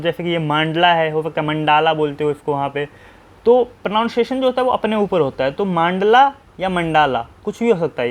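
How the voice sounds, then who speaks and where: A man teaching how to draw a map. He keeps asking himself short questions and answering them, and he spells names out letter by letter. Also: high voice. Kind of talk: map-drawing tutorial.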